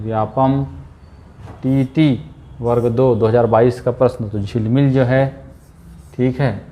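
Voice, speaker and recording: Slow male teacher going over exam questions, repeats stuff, keeps saying theek hai. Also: mid-range voice, warm tone. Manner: slow, repeats key words, says "ठीक है" often. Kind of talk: exam-prep lesson.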